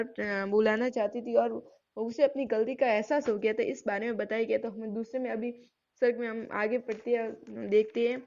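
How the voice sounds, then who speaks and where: High-voiced woman teaching a poetry lesson. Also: highs cut off. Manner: recites verses slowly and drawn-out, then explains in plain talk. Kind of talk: Hindi literature lesson.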